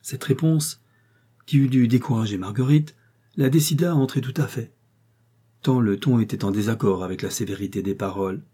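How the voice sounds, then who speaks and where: A man reading a novel aloud as an audiobook narrator, in measured, even storytelling. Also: mid-range voice, breathy edge. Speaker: audiobook reader.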